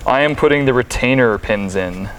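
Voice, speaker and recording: A man's voice: medium pitch, moderate pace, noisy background. A man co-hosting a car show, chatting casually and explaining each step as he works on a car in a garage. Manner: joking, explains steps as he works. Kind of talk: casual garage chat while working.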